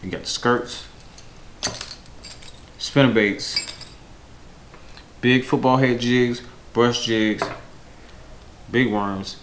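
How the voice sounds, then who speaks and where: This man in his thirties has a medium-pitched voice with fairly even intonation, and he speaks extremely slowly with frequent pauses. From a windowed room at home, he gives unscripted, casual fishing-vlog product advice to camera, correcting himself along the way. The home camera audio is noisy and roomy.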